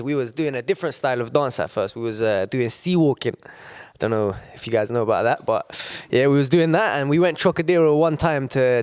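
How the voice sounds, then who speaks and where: Man, halting guest, smooth resonant voice. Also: medium pitch. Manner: hesitant, halting, many restarts. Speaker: crew member guest. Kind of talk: casual storytelling. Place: small DIY studio.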